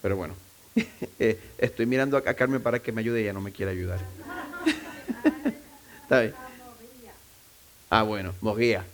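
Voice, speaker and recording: A man's voice: on the low side, fast talker, slight background noise. A man, a pastor, preaching a sermon in a loose, conversational way, often restarting phrases and dropping in self-deprecating asides. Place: church.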